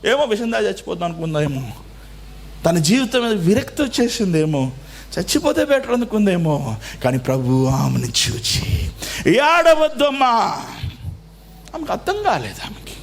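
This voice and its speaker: A man preaching a sermon as pastor, swinging between loud exclamations and soft low phrases and slowing down to stress words. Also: very animated, creaky.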